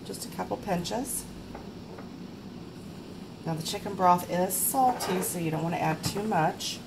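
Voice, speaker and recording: A woman in her forties speaks at a measured pace with a fairly low pitch and vocal fry while hosting a casual cooking show in her kitchen. The camera mic captures a noisy background, and she's chatty, self-deprecating, and full of fillers.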